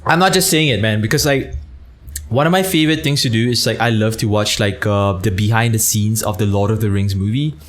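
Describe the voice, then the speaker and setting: This young Malaysian man streams a game and chats casually, his voice low-ish and brisk. He rambles from one topic to the next and thanks viewers by name.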